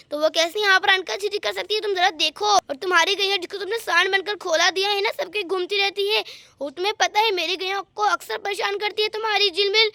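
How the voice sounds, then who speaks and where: A quick-tempered village woman who scolds at full volume, as a woman acts her out for a doll story. Her voice sits very high and rings bright and sharp, recorded dry and close with no room around it. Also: no room sound, exaggerated voice. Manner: shouting, scolding.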